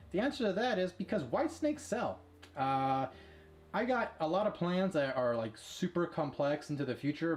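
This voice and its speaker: A man breeding ball pythons, talking casually and quickly with lots of fillers as he shows his snakes. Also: mid-range voice, a little hiss or hum. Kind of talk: casual vlog showing animals.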